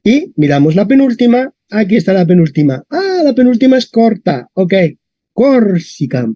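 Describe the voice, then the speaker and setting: A man teaching a classroom lesson, talking in a lively way and often adding tag questions. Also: sits high, brisk, no echo. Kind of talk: classroom lesson on Latin stress. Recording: dull, dry lo-fi sound.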